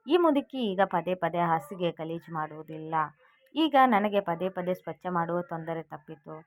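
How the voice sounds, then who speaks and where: A woman's voice: fairly low pitch, animated, normal speed, natural voice. A woman voicing a cruel, dismissive sister-in-law who speaks with contempt and claims the house as her own. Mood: scornful. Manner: dismissive and bossy.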